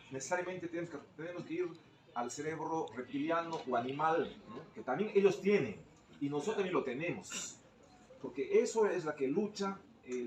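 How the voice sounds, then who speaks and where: A man's voice: fairly high pitch, roomy sound, distant mic, slight background noise, rough recording. A male teacher speaking up in a training session, explaining things at length and often ending phrases with a tag question.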